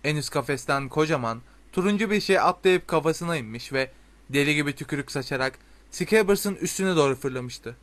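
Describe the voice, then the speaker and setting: Man narrating a storybook, slightly high voice. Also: animated, normal speed, a bit bright. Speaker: audiobook narrator.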